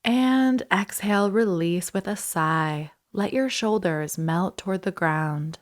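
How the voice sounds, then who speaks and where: Pitched fairly low, this woman's voice calmly walks listeners through a breathing meditation. She doesn't rush, leaving gaps between brief instructions.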